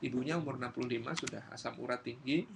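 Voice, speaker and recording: A male Islamic preacher giving a lively study lecture, acting out everyday quotes as he tells stories. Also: medium pitch, fast talker, creaky, noisy background. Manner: lively storytelling, acts out quotes. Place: community gathering hall.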